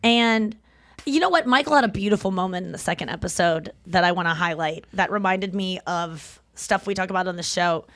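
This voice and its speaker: A woman's voice: lowish voice, a little fast, a bit bright, no room sound. A woman in her thirties hosting a podcast, chatting candidly with lots of fillers and giggles. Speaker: podcast host. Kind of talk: casual chat.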